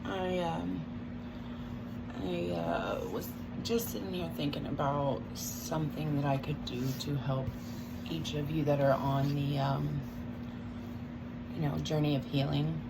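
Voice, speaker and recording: A woman's voice: sits low, level tone, a little slow, vocal fry. A woman chewing gum while she gives a casual, hesitant, rambling spiritual talk as a tarot reader. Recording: loud background noise.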